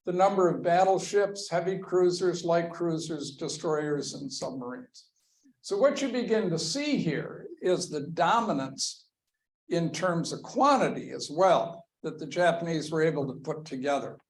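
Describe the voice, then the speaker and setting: A man giving a history lecture to a class, talking slowly and deliberately as he walks through slides. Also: fairly high pitch, expressive, poor audio. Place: lecture room with a class present.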